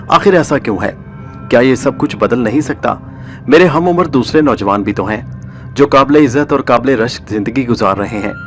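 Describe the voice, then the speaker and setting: Guy reading a first-person story, calm formal delivery, average pitch, soft music underneath. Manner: measured, formal storytelling with literary diction. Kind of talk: scripted first-person narration.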